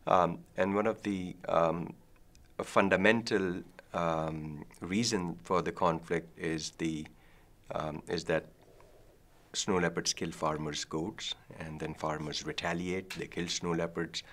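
A middle-aged man from Pakistan, a professor, answering interview questions thoughtfully with many ums and pauses, in a studio. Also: low voice, fairly even intonation, fairly bright tone. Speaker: guest, professor. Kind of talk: academic interview. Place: dark studio set, seated.

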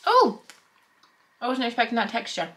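A woman's voice: on the high side, sing-song, moderate pace, fairly bright tone. A woman tasting snacks in a casual chat, blunt and candid, talking with her mouth full of chocolate. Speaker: snack taster. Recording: noisy home recording with crinkling wrappers.

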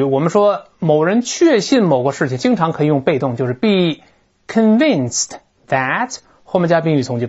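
A teacher giving a recorded grammar lecture, animated and explanatory, drawing words out slowly to model how they sound. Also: medium pitch. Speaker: English teacher. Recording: dull lo-fi recording.

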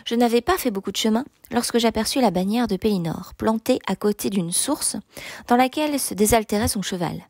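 A woman narrating a novel in the first person, with steady, measured storytelling. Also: fairly high pitch, dry recording, studio quality. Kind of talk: audiobook reading of a novel.

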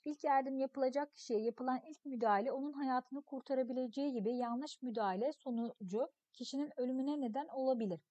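A woman teacher reading a story aloud in an expressive, clear storytelling manner for a lesson. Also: high voice, brisk, few pauses, no room sound, lo-fi sound.

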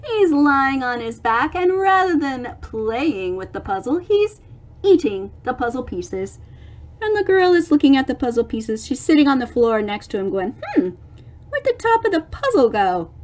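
In a high-pitched voice, a middle-aged woman performs a picture book for young kids, full of theatrical expression. She breaks off at points to explain things, leaning hard on dramatic emphasis.

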